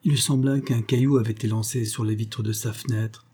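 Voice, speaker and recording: A man narrating a novel aloud in a measured, even reading style. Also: mid-range voice, slightly rough. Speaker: audiobook reader. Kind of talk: scripted narration.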